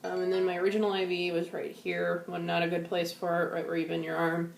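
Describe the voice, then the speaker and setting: Woman doing a casual video diary, kinda weak and woozy after surgery, lowish voice, echoey room. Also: monotone, fairly quick, vocal fry. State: shaky, feverish, recovering from surgery. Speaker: vlogger sharing a post-surgery update. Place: indoors at home.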